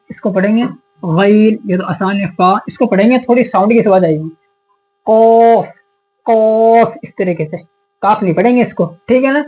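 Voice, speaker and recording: A man teaching a beginner's lesson on Arabic letters, sounding each letter slowly and repeating it patiently. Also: high-pitched, darkish tone, poor audio. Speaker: Quran teacher. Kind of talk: step-by-step alphabet lesson.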